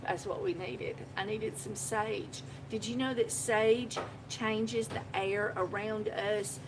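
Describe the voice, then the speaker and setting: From her own shop, a woman hosts a casual live video on her phone, telling a rambling, chatty story and laughing often. Her voice is medium-pitched and steady, she takes things slowly, and the background is noisy.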